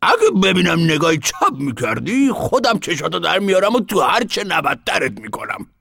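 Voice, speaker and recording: A man voicing a rowdy, mischievous, boastful old grandfather with a gravelly voice in an audiobook. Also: high voice, huge pitch swings, a bit bright, no echo, clean studio sound, voice pushed up, heavily acted.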